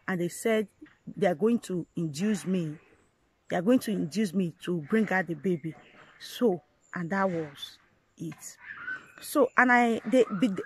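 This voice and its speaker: A woman vlogger earnestly recounting her life story to viewers, talking in halting phrases that she often repeats and restarts. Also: medium pitch, a little hiss or hum, low-quality recording. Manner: earnest, addresses viewers directly. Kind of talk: personal storytelling to camera.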